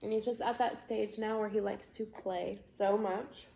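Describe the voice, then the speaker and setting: A woman vlogger in a relaxed casual chat, reading out viewer questions while she eats. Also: mid-range voice, normal speed, creaky, slight background noise. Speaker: vlogger host.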